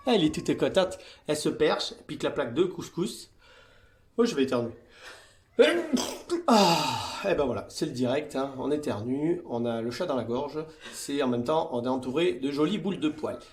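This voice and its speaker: A man who runs a cat hotel, chatting in a casual vlog and talking affectionately to the cats. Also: fairly high pitch. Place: indoor cat boarding room.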